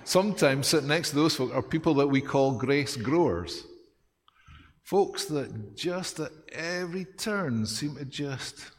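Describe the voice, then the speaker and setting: Lively preacher in a reverberant church. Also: male voice, on the high side. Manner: lively, self-deprecating, with dramatic pauses. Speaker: pastor. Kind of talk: sermon.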